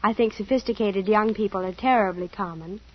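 An actress in an old radio play, heard through a muffled recording, portrays a naive, sheltered wealthy teen girl with a prim, earnest, matter-of-fact manner. Her medium-pitched voice moves briskly and sounds close to everyday speech.

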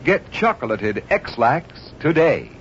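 A chipper male announcer selling in a 1950s radio ad. His polished, reassuring pitch swings up and down in a lively way, on a muffled old broadcast with faint noise. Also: slow pace.

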